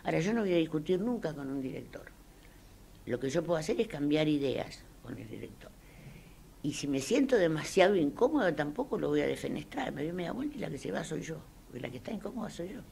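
An older woman with an Argentine accent recalls her past in an interview. Her voice is gravelly and her pitch swings widely as she talks. Faint noise sits behind her. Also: fast. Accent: Argentine Spanish. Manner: emphatic, expressive storyteller. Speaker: interviewee, actress. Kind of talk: interview reminiscence.

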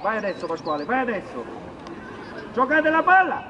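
Male football coach, very high voice, barking short repeated orders from the touchline; muffled outdoor recording with a crowd behind. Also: huge pitch swings, normal speed. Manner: urgent, repetitive instructions. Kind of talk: shouted sideline coaching. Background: crowd noise.

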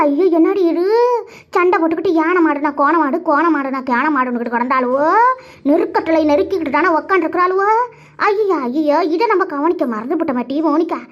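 Woman voicing a sarcastic gossiping village aunt. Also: very high-pitched. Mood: gossipy. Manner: nagging, sarcastic, drawn-out complaints. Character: sharp-tongued gossiping middle-aged village aunt. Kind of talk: cartoon voice acting. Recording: dull lo-fi recording.

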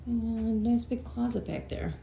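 Filmed on a phone she holds while walking, a woman realtor from Florida casually narrates an empty condo tour, upbeat and filler-heavy. Her voice is fairly high, mellow and creaky, and she never rushes. Echo from the bare rooms and background noise color the recording.

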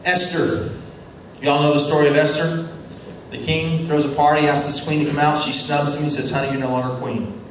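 A man lecturing a class with a slightly high voice, firing questions at the room and acting out characters as he goes. He stands well back from the mic, so he sounds distant. The room is very echoey, with a faint hiss underneath. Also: completely flat delivery. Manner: asks the class questions and repeats short answers; acts out biblical characters in quick voices. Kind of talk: classroom lecture on church mission.

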